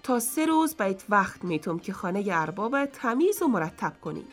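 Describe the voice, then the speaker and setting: A woman's voice: medium pitch, very animated, faint music behind, close to an everyday voice. A woman voicing a proud, fussy male master of a house who scolds his servant sternly. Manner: stern, scolding, fault-finding.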